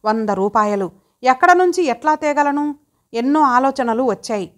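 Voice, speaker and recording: A woman's voice: sits high, lively intonation, normal speed. A woman voicing a poor, remorseful wife and mother who speaks in a self-blaming, pleading way.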